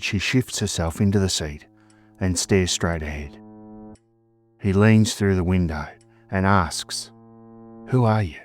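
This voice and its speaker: In a low, darkish voice, an Australian podcast host reads out a scripted mystery tale. He keeps the narration measured and dramatic.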